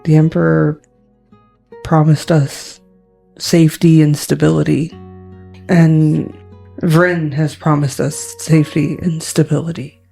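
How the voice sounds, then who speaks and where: A woman's voice: deep voice, level tone, slow pace, gravelly, pauses often, warm tone, faint music behind. A woman casually narrating her part in a tabletop game, hesitant and full of restarts. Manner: hesitant, lots of fillers and restarts. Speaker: tabletop game player and storyteller.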